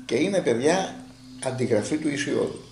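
Lively gravelly man telling a story. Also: medium pitch, echoey room, noisy background. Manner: animated storyteller, acting out quoted dialogue. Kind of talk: casual storytelling in a group talk.

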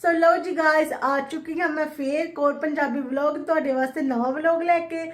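A vlogger with a Punjabi accent chats casually to her viewers about her daily routine, mixing in English phrases. Her voice is high-pitched and steady, and she talks fairly quickly.

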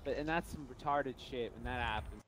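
A young man chatting casually over a video game, rambling, swearing and getting excited. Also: medium pitch, fairly quick, noisy background. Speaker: gamer. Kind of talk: casual gaming chat.

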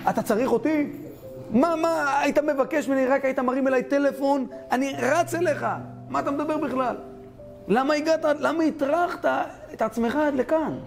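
A humble, eager young scholar, as a preacher puts him on, his voice pitched well above a normal man's and gushing with deference. He speaks in a storytelling sermon, with faint music under him. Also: creaky. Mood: effusive. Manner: effusive, fawning, then calmly knowing.

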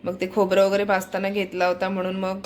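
A woman's voice: medium pitch, completely flat delivery, fast, darkish tone, slight background noise. Chatty woman talking to her viewers. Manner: chatty, talks straight to viewers; coaxing calls in a raised voice. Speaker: family vlogger. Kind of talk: casual home vlog. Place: home kitchen and hall.

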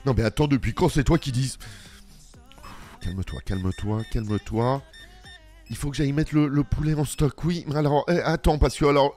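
A man's voice: mid-range voice, a little mellow. A man playing a shop game, chatting as a cashier with customers and an unheard boss. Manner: playful, talks back to unheard boss and customers. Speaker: let's play gamer. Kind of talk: improvised role-play commentary.

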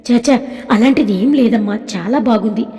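A woman voicing an elderly grandfather who speaks softly and affectionately. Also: on the high side, moderate pace, long reverb tail, lightly acted. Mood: gentle. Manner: soft, affectionate speech. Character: elderly grandfather, gentle and emotional.

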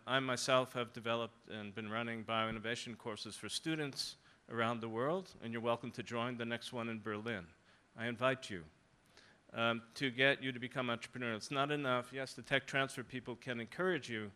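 Older man, professor on a panel: bright, clear tone, measured and persuasive. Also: medium pitch, fairly even intonation. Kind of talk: panel discussion. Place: conference stage, large hall.

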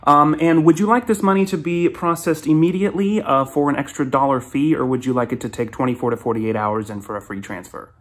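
A man's voice: medium pitch, brisk, hardly any pauses, fairly bright tone. A man talking through a female voice changer on a phone call, posing as a polite female payment support agent who hesitates often with ums. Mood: fake-polite. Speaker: scam baiter on a prank call.

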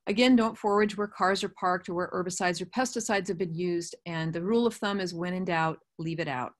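A woman's voice: fairly low pitch, brisk. Woman giving a webinar talk. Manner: friendly, explanatory, with asides. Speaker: master gardener presenter. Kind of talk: webinar slide presentation. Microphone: webcam on a video call.

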